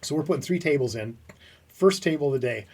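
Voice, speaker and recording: A man co-hosting a podcast, telling lively stories in a casual chat. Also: fairly high pitch, fast, breathy edge, far from the mic. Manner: animated storyteller who acts out quotes.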